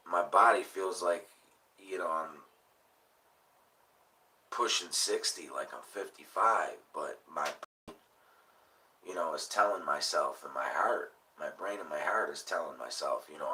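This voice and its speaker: A man's voice: sits low, bright, forceful tone, distant mic, poor audio. A man in his late thirties hosting a livestream in casual chat, rambling and laid-back, with plenty of swearing. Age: late 30s. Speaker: livestream host.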